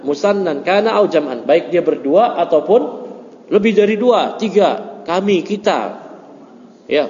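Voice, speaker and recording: Guy teaching a grammar class, jokey and chatty, long echo, a bit muffled. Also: a little high. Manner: joking, chatty, mixes Arabic terms into relaxed explanation. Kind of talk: informal classroom lesson. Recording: muffled echoey room recording.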